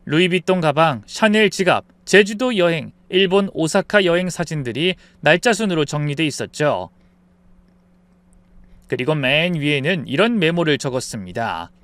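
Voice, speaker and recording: A man reading a scripted first-person story as narrator, in a lively expressive manner. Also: a little high, moderate pace, no room sound.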